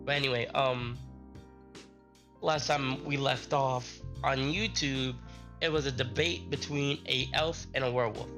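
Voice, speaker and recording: A sick man rambles through a casual live-stream chat, his medium-pitched, gravelly voice strained and sharp in tone. He speaks haltingly, often restarting his sentences.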